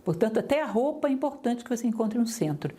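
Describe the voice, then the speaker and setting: A woman lecturer teaching public speaking, talking straight to her listeners with lively, varied intonation. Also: on the high side, fast. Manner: didactic, lively intonation, addresses listeners directly.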